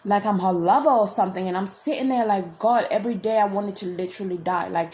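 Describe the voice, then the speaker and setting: A woman's voice: medium pitch, quick pace, a little mellow. A woman telling a personal story in a casual vlog, rambling with constant "like" and frequent restarts. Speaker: vlogger.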